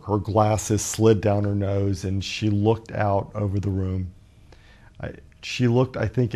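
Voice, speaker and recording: A man in his fifties from Alabama, a guest author telling a personal story in a measured, reflective way with many pauses. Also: on the low side, warm tone. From Birmingham, Alabama, USA. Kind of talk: personal storytelling in a talk show interview.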